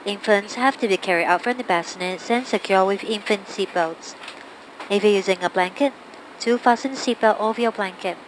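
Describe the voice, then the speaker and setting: A woman's voice: medium pitch, brisk. Female flight attendant, mid-range voice, scripted airport-style cabin announcement with light background noise. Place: aircraft cabin, over the PA. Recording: clearly noisy cabin PA recording.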